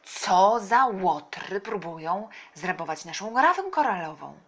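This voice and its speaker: A woman's voice: medium pitch, expressive, normal speed, gravelly, slightly rough. A woman voicing a brave, caring uncle in a children's storybook reading, speaking in a firm, earnest way. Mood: indignant. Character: brave, caring uncle, middle-aged man.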